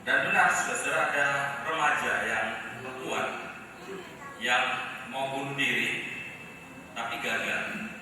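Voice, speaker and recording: Indonesian preacher in an echoing church. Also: male voice, medium pitch, recorded from a distance. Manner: addresses congregation as saudara, storytelling, rising to loud emphatic preaching. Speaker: pastor. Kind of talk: sermon with personal story. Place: large church hall. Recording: echoey church hall, voice from afar, noisy.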